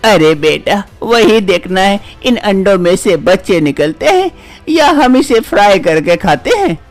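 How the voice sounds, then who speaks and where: A man's voice: high-pitched, sing-song, a little slow, faint music behind, exaggerated voice. A man voicing a cranky old mother-in-law. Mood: scolding. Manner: scolding, dismissive. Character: scolding older mother-in-law, cranky and dismissive.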